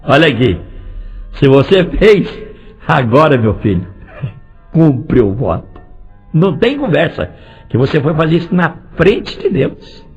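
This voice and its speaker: A male pastor delivers an animated sermon in a husky, gravelly voice that leaps up and down in pitch. He presses his listeners with pointed questions, now loud, now hushed. The recording is dull and lo-fi, with faint music underneath. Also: a little slow, pauses often. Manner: animated preaching, direct questions to the congregation, swings between loud and soft.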